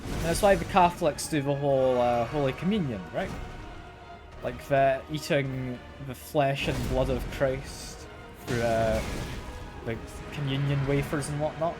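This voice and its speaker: Talking a little slowly in a mid-range voice, a man streams a video game and chats casually as he plays, often repeating words. He sounds slightly ill and congested, with game music in the background.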